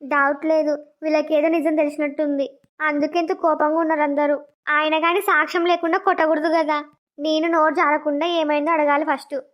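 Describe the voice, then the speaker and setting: Woman doing a squeaky spiteful cartoon sister-in-law, sly and whiny. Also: level tone, a little fast, close to an everyday voice. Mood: alarmed. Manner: sly, then loudly self-pitying denials. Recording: dull lo-fi cartoon audio.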